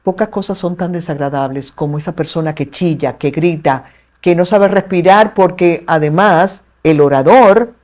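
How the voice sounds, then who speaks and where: Dominican woman, lower-pitched, poised expert guest, expressive and articulate. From Dominican Republic. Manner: articulate, measured, expressive with playful asides. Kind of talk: explanatory interview talk.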